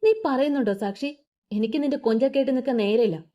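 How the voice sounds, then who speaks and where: A woman's voice: sits high, fast talker, mellow, natural voice. Woman voicing a furious young husband. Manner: harsh, threatening, clipped.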